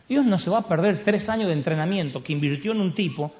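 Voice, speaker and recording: A man's voice: high voice, expressive, fast talker. A man with an Argentine accent preaching a humorous sermon, telling the story with comic asides. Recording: dull live recording, faint crowd.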